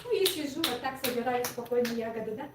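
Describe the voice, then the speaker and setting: A woman's voice: on the high side, animated, quick pace, background noise. Chatty woman in her sixties. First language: Yakut. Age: 60s. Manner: chatty, searching for words. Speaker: team member. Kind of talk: casual storytelling. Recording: echoey room, far from mic.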